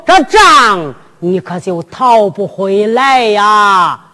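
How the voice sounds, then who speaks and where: In a drum-ballad storytelling, a woman voices a scheming, low-voiced old father with a Henan accent, giving instructions in slow, drawn-out, deep and deliberate elder's speech. Her delivery is expressive, pushed and bright, set against music with long hall reverb.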